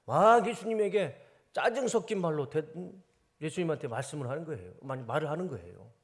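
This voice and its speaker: A male pastor giving a sermon in a church, animated and often putting questions to the congregation. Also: on the high side, fast talker. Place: church sanctuary.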